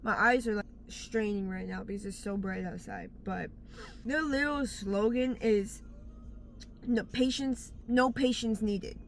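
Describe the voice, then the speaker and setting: Recorded on a phone outdoors in bright daylight, a woman with a medium-pitched voice offers blunt life advice in a casual, rambling monologue. She talks a little slowly and often pauses to search for words, with a slight hiss or hum in the audio.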